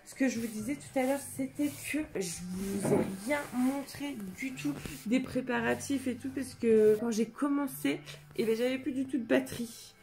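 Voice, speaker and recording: A woman's voice: high voice, normal speed, background noise. A young woman chatting casually as a vlogger, telling a story with lots of fillers, filmed on a phone held at arm's length indoors. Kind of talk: casual vlog chat. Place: rental flat indoors and car.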